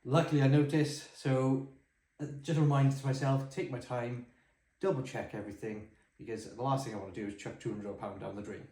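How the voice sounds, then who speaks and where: A man's voice: medium pitch, steady tone, a little fast, mellow. A man, a carpenter by trade, casually explaining his renovation work step by step as he goes. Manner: practical, explaining steps as he works. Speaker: builder and carpenter. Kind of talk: casual DIY vlog narration. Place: bungalow room under renovation, indoors. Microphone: phone held while working. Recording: echoey bare room, faint noise.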